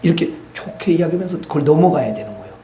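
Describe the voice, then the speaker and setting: Male pastor, high voice, emphatic sermon delivery; roomy church hall. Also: expressive, very fast, mellow, faint music behind. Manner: emphatic, repeats and addresses the congregation. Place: church sanctuary. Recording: echoey church hall, faint noise.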